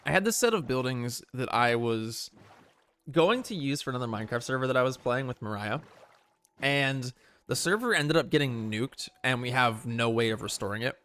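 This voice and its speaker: A man's voice: mid-range voice, animated, moderate pace, a bit bright. Rambling man streaming casually. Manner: rambling, self-correcting, chatting to viewers. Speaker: livestream host. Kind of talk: casual livestream chat while playing.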